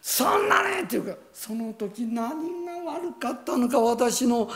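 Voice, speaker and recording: An older man preaches in a gravelly voice, animated and expressive. He tells a personal story with sound words and small chuckles, and his pitch swings widely. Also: measured pace. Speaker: pastor.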